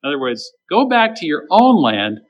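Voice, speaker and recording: A man's voice: fairly high pitch, very animated, moderate pace, dull audio. A man preaching a sermon, emphatic and acting out the voices of the people he quotes. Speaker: pastor.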